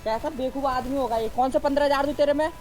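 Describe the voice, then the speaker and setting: Young uttarakhand guy, blunt and demanding, talks super fast, music clear behind. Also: very high-pitched, steady tone, a little mellow. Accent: Uttarakhand Hindi. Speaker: friend in dispute. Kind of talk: heated argument. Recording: background music.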